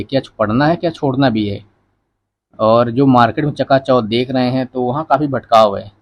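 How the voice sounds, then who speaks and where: A man's voice: medium pitch, muffled recording. A male exam coaching teacher giving a casual spoken lecture, advising students directly in a conversational way.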